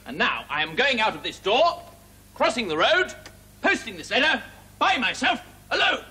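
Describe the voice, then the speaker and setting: Petulant mummy's boy, high bright voice, swooping pitch, TV sketch. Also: big pitch swings, moderate pace, breathy edge, exaggerated voice. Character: grown man treated like a baby, petulant. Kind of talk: TV sketch acting.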